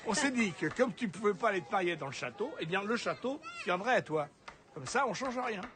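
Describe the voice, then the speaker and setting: A man's voice: high voice, very animated, brisk. A middle-aged actor playing a cheerful, bossy father.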